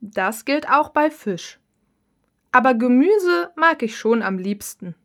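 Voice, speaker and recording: A woman answering interview questions as a cookbook author in a scripted listening-test recording, in a calm, measured reading. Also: high voice.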